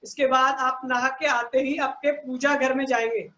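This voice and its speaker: A woman's voice: high-pitched, steady tone, echoey room, highs cut off, very noisy. A woman teaching an online class for children, patiently explaining step by step and checking often that the kids follow. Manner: patient, explains slowly, asks "ठीक है ना" again and again. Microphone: online video call.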